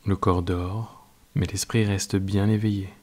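A man with a French accent guiding a yoga nidra meditation, giving slow, calm, soft-spoken instructions. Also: deep voice. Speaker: meditation guide.

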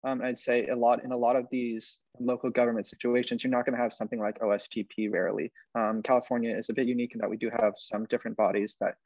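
A young man answering questions as a panelist on a video call, talking quickly with many fillers. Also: medium pitch, flat delivery, darkish tone, no room sound. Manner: fast, filler-heavy, earnest. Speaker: panelist, science advocacy organizer. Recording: dry, dull video-call audio.

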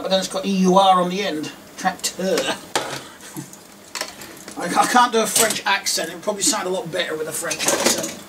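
Sorting through a box of toy cars at his desk indoors, a middle-aged English vlogger who collects diecast models narrates casually and pokes fun at himself. He has a high voice, with a noisy background picked up by a distant mic full of clicks and clatter.

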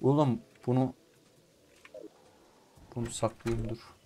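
A young man with in-ear headphones, chatting casually as he plays and often swearing or shouting at the game. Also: mid-range voice, steady tone, takes it slowly, slight background noise. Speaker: gaming YouTuber. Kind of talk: casual let's-play commentary. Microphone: in-ear headphones with mic.

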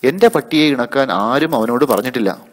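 A man voicing an angry woman dog owner who shouts accusations in a shrill voice. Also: lively intonation, brisk, in a large hall, natural voice. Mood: indignant shouting.

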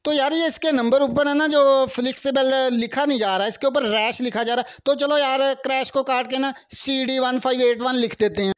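A young man with a Pakistani Urdu accent giving chatty, excitable commentary over a car stunt game, often calling out to his viewers. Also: very high voice, normal speed, hardly any pauses, clean tone. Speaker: gaming channel host. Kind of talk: casual gameplay commentary.

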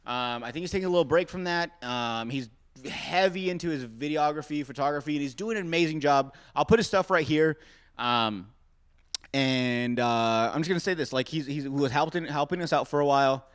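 A man's voice: fairly high pitch, fairly quick, clear, resonant tone. A man from Arizona hosting a solo podcast, rambling through self-mocking rants aimed straight at his listeners. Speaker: podcast host. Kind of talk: casual solo podcast rant.

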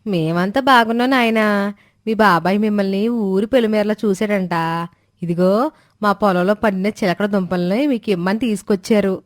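A man's voice: sits high, moderate pace, no room sound, clean studio sound, pitched above the performer's own voice, close to an everyday voice. A man voicing a chatty, friendly middle-aged neighbor woman in a storybook tale.

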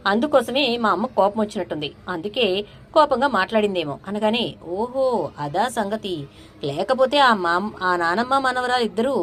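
Woman retelling a serial, higher voice. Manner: acts out characters' lines in quoted dialogue. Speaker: serial episode narrator.

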